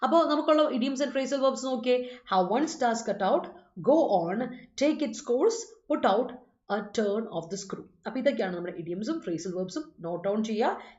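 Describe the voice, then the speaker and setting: Teaching an English class online, a woman with a Malayali accent moves back and forth between English and Malayalam. Her voice is a little high, animated and slightly mellow; she reads students' sentences slowly but hurries through course announcements. The room sounds spacious, and the audio is slightly dull.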